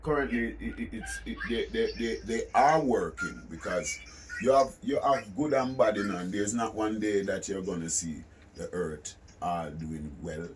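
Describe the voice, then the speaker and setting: In a noisy studio room, a man with a low voice and Caribbean accent explains his views during a phone interview. He speaks at normal speed in an insistent, preaching style, repeating phrases to hammer home his points.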